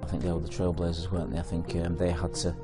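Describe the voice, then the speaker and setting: A man's voice: sits low, monotone, quick pace, over loud music. A man speaking thoughtfully, searching for words, in a documentary interview.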